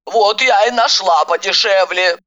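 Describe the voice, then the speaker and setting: A woman's voice: mid-range voice, unhurried, fairly bright tone, dull audio, natural voice. A woman voicing a young woman friend who explains herself in a matter-of-fact way. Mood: defensive.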